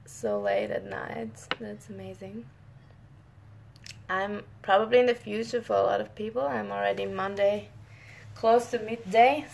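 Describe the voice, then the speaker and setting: A young scientist from northern Italy, whose native language is Italian, talks with viewers in a relaxed live Q&A. She speaks at medium pitch with vocal fry, restarting sentences often and laughing briefly in a friendly, chatty manner; slight hiss or hum is audible.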